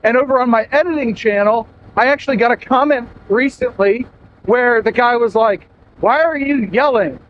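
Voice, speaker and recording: A man chats to camera from his motorcycle, his voice strained very high and loud as he yells over the wind. The sound is muffled and dull. A faint hum of engine and wind runs underneath. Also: moderate pace. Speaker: motorcycle vlogger. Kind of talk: casual talk to camera while riding. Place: outdoors riding a motorcycle.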